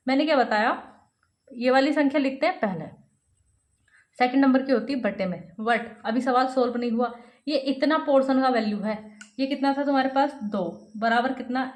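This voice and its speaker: A woman's voice: high-pitched, reverberant. A woman teaching a step-by-step math lesson, asking her students questions and answering them herself.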